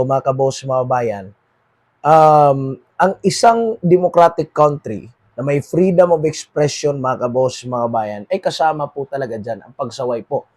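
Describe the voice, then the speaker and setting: In this political commentary monologue, the host is a slightly high-voiced Filipino man from the Philippines who speaks with a Filipino accent. Shifting from read English into Tagalog and back, he keeps saying "mga kaboses, mga kababayan" and trails off softly at the close of phrases.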